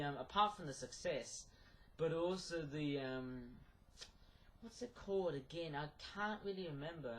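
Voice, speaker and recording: A man with a moderately high voice talks casually to his viewers. He wanders through his thoughts, stalling and repeating phrases along the way. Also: fairly bright tone, a little hiss or hum, low-quality recording. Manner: rambling, hesitant, repeats himself. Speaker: YouTube vlogger. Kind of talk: casual rambling vlog to camera.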